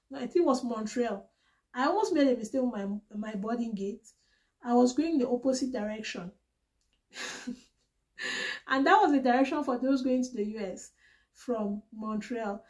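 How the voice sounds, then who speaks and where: Speaking with a somewhat high, gently mellow voice, a young woman from Cameroon talks through her journey in a relaxed vlog. She's chatty and sincere, hands out useful advice, and occasionally starts her sentences over.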